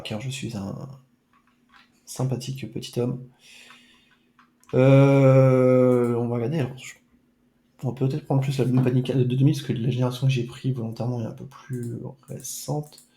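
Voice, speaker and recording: A man chatting casually over a retro football game stream, full of playful, mock-dramatic asides. His voice is mellow and soft-edged. The room around him rings with echo. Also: mid-range voice, level tone, normal speed, long pauses, slight background noise. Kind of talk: casual let's-play chat.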